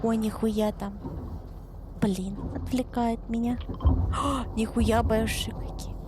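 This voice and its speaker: A young woman chatting casually on a gaming stream in a cute anime-streamer manner, excitable and playful, full of exclamations. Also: a little high, slow pace. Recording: clear background noise on stream mic.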